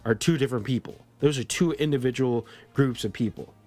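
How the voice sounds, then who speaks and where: A man's voice: mid-range voice, fairly quick, darkish tone, faint music behind. Rambling man on a casual podcast. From Colombia. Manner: rambling, many restarts and "like" fillers. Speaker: podcast co-host. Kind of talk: casual political chat.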